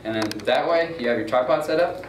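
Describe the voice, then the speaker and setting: A young man presenting a student crew tutorial talks fast in a medium-pitched voice, explaining gear in a roomy space. His casual how-to demo is loose and informal, full of fillers and "gonna go ahead." The recording is noisy, roomy and far from the mic.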